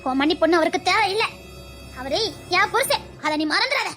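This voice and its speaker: A woman's voice: very high-pitched, big pitch swings, fairly quick, pushed and bright, soft background music, full character voice. A woman voicing a stern, grieving mother who scolds her grown son in a dubbed serial drama. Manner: scolding, dismissive.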